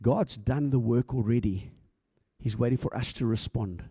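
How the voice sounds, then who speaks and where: A middle-aged male pastor preaching in a relaxed, conversational way, playing out little back-and-forth exchanges and tripping over his words now and then. His voice is mellow and dark, recorded close and dry with almost no room sound. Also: mid-range voice, moderate pace, breathy edge, dry recording. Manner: conversational preaching, acts out dialogue, stumbles and repeats words. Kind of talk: sermon.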